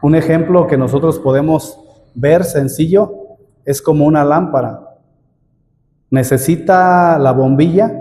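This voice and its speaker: A man's voice: on the high side, warm tone. A middle-aged man preaching a sermon, calling listeners "brother" and asking many rhetorical questions. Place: church hall. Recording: long hall reverb.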